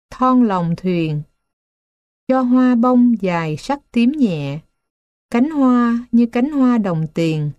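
A woman reads children's stories in a slow, unhurried way. Her voice is mellow and warm, and she keeps a gentle storybook manner. The sound is dry and a little dull. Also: a little high, dry recording. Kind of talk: scripted narration of children's stories.

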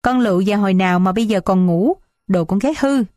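A woman's voice: fast talker, dark tone, dry recording, studio quality, close to an everyday voice. A woman voicing a scolding, dramatic old village matriarch in an audiobook. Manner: shrill, complaining, wailing.

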